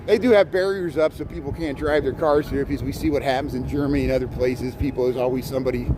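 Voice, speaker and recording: This livestream host speaks fast in a mellow, medium-pitched, steady voice, heard in a low-quality recording. A middle-aged Indiana man with a Chicago-Midwestern accent mix, he walks snowy city streets chatting casually with viewers, repeating words often, with traffic and city noise around him.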